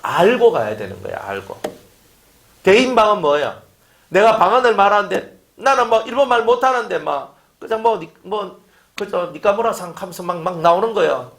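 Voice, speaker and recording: Male pastor, sermon, rhetorical questions, very animated delivery, reverberant room. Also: high voice, moderate pace, vocal fry. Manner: lively preaching with rhetorical questions and acted-out quotes. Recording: echoey room.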